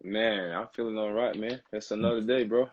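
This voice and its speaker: A young man from Lagos, Nigeria, answering interview questions in a relaxed, easygoing way. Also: fairly low pitch, normal speed, dull audio. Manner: relaxed, easygoing, says bro often. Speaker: recording artist, guest. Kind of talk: casual interview.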